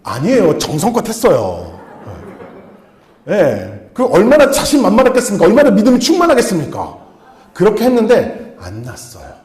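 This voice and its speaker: Animated male missionary preaching. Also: high voice, normal speed, reverberant. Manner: animated, acts out dialogue in changing voices. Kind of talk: sermon with personal storytelling. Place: church sanctuary.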